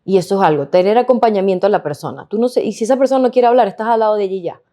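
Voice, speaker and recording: A Venezuelan woman co-hosting a casual podcast, telling stories in a slangy, lively way full of quoted asides. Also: medium pitch, rapid-fire. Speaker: podcast co-host.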